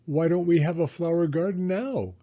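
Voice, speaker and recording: A man's voice: fairly high pitch, normal speed, warm tone, dull audio, voice pushed up, lightly acted. A man voicing a cheerful, curious little girl pig from a storybook, in an eager, exclaiming manner.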